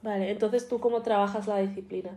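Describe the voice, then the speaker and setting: A woman's voice: medium pitch, steady tone, quick pace, warm tone. A young woman hosting a casual podcast interview, giggly and asking questions. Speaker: podcast host.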